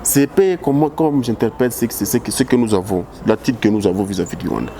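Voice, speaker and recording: Impassioned Congolese man with a mellow voice. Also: lowish voice, brisk, creaky, slight background noise. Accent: Congolese French. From Democratic Republic of the Congo. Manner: impassioned, repetitive restarts. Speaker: political analyst guest. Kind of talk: interview answers.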